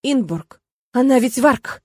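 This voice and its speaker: A jittery young woman on the verge of hysteria, shrill and full of contempt, as a woman reads her in an audiobook. The voice is fairly high and dry, close to the mic. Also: expressive, slow, no echo, exaggerated voice. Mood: panicky. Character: frightened, spiteful young woman, near hysteria.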